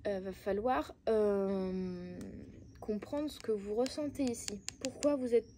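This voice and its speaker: A woman's voice: medium pitch, slow pace, mellow, a little hiss or hum. Belgian woman giving frank card guidance. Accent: Belgian French. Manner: talks straight to viewers, coaxing and blunt, with frequent hesitations. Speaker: oracle card reader. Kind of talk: casual spiritual card-reading guidance.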